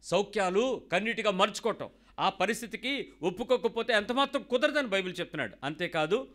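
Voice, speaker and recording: A man's voice: high voice, lively intonation, fairly quick, fairly bright tone. A man preaching a sermon as a pastor, telling stories and acting out the dialogue of the people in them. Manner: storytelling, acting out quoted dialogue.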